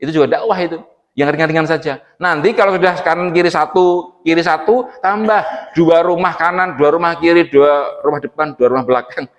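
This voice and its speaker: A man's voice: on the high side, fairly quick. A man giving a casual mosque sermon, chatty and joking, quizzing the congregation. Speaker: mosque preacher. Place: mosque hall. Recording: long mosque reverb.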